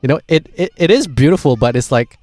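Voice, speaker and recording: A man's voice: on the high side, expressive, fast talker, darkish tone, dry recording. A man, hosting a casual podcast chat and rambling with lots of "like" and some swearing. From Singapore. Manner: rambling, swears freely, frequent "like". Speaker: podcast host.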